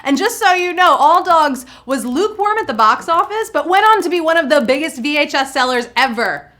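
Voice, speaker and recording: A woman's voice: high-pitched, expressive, brisk, bright, forceful tone. A woman hosting a live trivia game show, bubbly and jokey, cracking puns and talking to the players in the chat. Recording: faint music behind.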